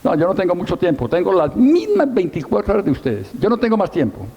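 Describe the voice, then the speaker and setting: A man's voice: high-pitched, wildly swooping pitch, quick pace, vocal fry, breathy edge, highs cut off. A middle-aged man, a pastor preaching a sermon, telling his story with emphasis and self-mocking humor. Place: church hall with long reverb. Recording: long hall reverb.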